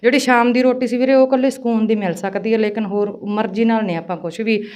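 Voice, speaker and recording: Punjabi woman guest, quick earnest storytelling, smooth clear voice. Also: on the high side, fairly even intonation, darkish tone. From Punjab, India. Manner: fast, earnest storytelling, often addressing the host as brother. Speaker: interview guest recounting work abroad. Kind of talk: emotional personal account in casual Punjabi.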